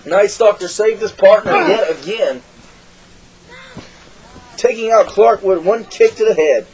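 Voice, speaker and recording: A man calling a wrestling match play-by-play, excitable and shouting at big moves, losing his voice. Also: high-pitched, a little slow, noisy background. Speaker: wrestling commentator.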